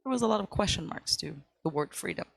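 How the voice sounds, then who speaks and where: A woman's voice: lowish voice, lively intonation, fast talker, creaky, breathy edge. A young woman from Ukraine, giving a casual guest talk to a church class with lots of fillers and upbeat asides. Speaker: guest speaker.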